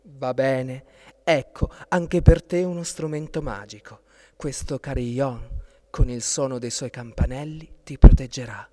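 A man's voice: medium pitch, a little slow, warm tone, lightly acted. A man voicing a solemn, kindly lady-in-waiting who hands out magic gifts in a storybook tale.

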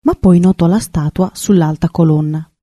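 A woman narrating a fairy tale in a calm, measured storybook reading. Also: on the low side, no echo, clean studio sound.

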